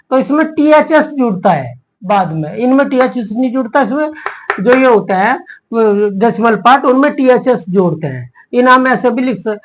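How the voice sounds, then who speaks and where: Male maths teacher, slow patient explanation, repeats and checks in often. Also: very high-pitched, low-quality recording. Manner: slow, repetitive, often asks "है ना?" and "ठीक है जी". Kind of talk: classroom explanation.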